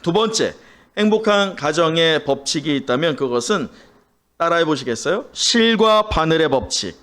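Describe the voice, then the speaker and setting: Male pastor, sermon; high, very expressive voice, quizzes the congregation and has them repeat phrases. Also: moderate pace. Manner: animated storytelling delivery.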